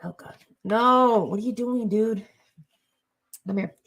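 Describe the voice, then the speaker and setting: A woman's voice: on the high side, very noisy. A young adult woman chatting casually and rambling on her live stream, often trailing off and breaking into laughter. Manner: chatty, rambling, quick swings into laughter and exasperation.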